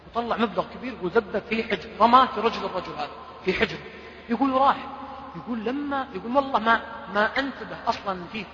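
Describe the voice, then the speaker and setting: A man's voice: sits high, sharp tone, slight background noise. A man, preaching a sermon and retelling stories emotionally, quoting people as he goes. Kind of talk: sermon storytelling. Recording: echoey hall, dull lo-fi sound.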